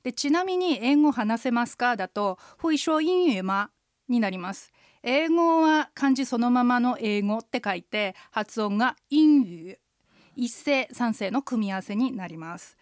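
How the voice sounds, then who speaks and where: A woman hosts a radio language lesson in a fairly high voice. She explains each phrase patiently and clearly, often with a quick "hai". Her voice sounds dry and close, like a studio. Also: animated, no room sound.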